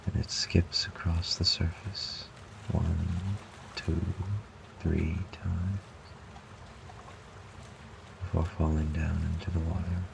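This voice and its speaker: A man narrating a guided relaxation meditation in a calm, soothing, measured way, with long pauses. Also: low-pitched, gravelly, noisy background.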